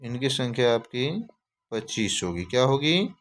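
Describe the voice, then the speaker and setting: A man teaching a grammar lesson, reading out lists slowly and quizzing with repeated questions. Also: mid-range voice, very animated, slight background noise. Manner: slow, repeats key terms as questions.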